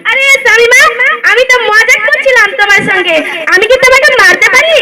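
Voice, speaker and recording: A woman's voice: very high-pitched, fast talker. A woman playing a weak-willed grown son. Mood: placating. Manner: anxious, placating pleading. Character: weak-willed son torn between mother and wife. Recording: loud crowd noise behind.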